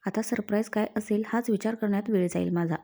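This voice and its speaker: A woman's voice: mid-range voice, steady tone, quick pace, dark tone, lightly acted. A woman voicing a loving, playful young wife in a storybook reading, sweet and mock-stern. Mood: affectionate.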